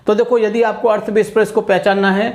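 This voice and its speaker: A man from India teaching an exam-prep class, slowly reading out English answer lines and explaining them at length in Hindi. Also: sits high, little pitch movement.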